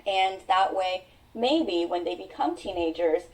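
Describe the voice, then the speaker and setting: Speaking as a podcast guest, a woman who grew up speaking Mandarin recounts her own story in an earnest, reflective manner, stretching out her phrases. Her voice is lowish yet lively in intonation, and it seems to come from some distance from the mic.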